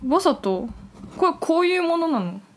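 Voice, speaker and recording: A woman's voice: very high voice, very animated, moderate pace, slight background noise. A young woman, a university student, co-hosting a radio-style talk show with casual chat and politely scripted greetings. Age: young adult, university student.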